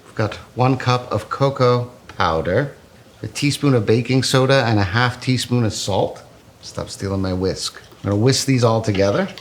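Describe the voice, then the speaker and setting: A man's voice: mid-range voice, moderate pace, a little hiss or hum. A man hosting a casual cooking demo, joking and crude as he bakes. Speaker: cooking show host.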